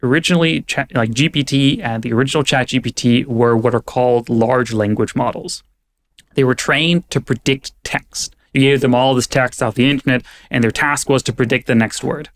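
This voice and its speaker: Speaking at a normal speed in a medium-pitched voice, this young man is a podcast guest and AI safety advocate. He's from California but grew up partly in Germany, and he explains ideas in a thoughtful, conversational way with plenty of fillers.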